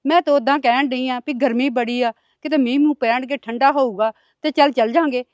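Middle-aged wife and mother played by a woman, calm, soothing, slightly high voice. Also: fairly quick, no room sound, lightly acted.

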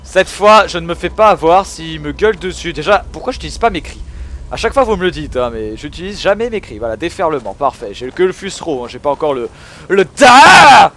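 A man giving excitable gameplay commentary, swearing and shouting at the game as he plays. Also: a little high, quick pace. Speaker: gaming video host.

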